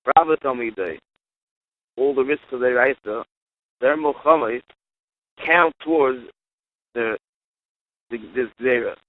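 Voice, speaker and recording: A man's voice: mid-range voice, a little slow, long pauses, no echo. A man leaving an earnest voicemail message for a radio show, mixing Hebrew and Aramaic terms into his English. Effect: played voicemail message. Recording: tinny phone-line voicemail.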